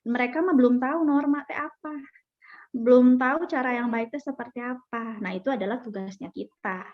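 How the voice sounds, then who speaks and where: A woman's voice: on the high side, steady tone, brisk. Chatty woman, lo-fi. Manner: chatty, uses fillers and acts out child and parent voices. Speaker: parenting speaker. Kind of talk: casual talk. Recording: dull lo-fi recording.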